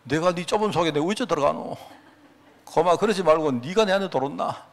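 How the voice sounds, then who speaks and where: A pastor doing a folksy teasing Jesus. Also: male voice, fairly high pitch, lively intonation, brisk. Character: Jesus, a plain-spoken man, gently teasing.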